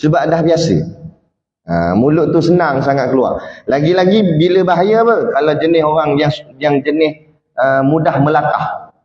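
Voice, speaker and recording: A man with a Malay accent preaches in an animated, conversational manner, acting out voices and tagging his points with "ha" and "kan". His voice sits fairly high for a man. It rings through a long, echoey hall on a dull, lo-fi recording. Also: normal speed, a little hiss or hum. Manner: lively, animated, acts out quoted speech, frequent "ha" and "kan". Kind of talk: religious lecture.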